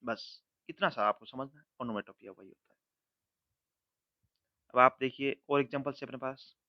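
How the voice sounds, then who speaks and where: A man, a Hindi-speaking English professor with an Indian accent, lecturing students, reading example lines slowly and imitating their sounds aloud. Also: mid-range voice, dry recording, highs cut off. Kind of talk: recorded college lecture.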